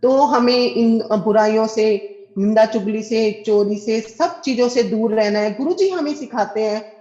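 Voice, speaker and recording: A woman's voice: on the high side, a little slow, mellow. Earnest woman telling a devotional testimony. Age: middle-aged. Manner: earnest, addresses listeners directly and acts out the dialogue. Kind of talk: personal testimony storytelling. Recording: echoey, dull lo-fi recording.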